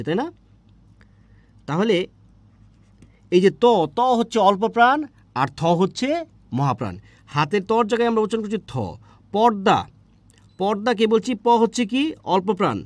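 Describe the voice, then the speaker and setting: A man with a Bangladeshi Bengali accent teaches a grammar lesson in a fairly high voice. He keeps firing questions at his students and answering them himself, and he trails off into soft fillers while he thinks. The sound is close and dry, with no room echo. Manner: quizzes students with rhetorical questions; fillers and restarts, drops softer when thinking. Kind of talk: exam prep lecture.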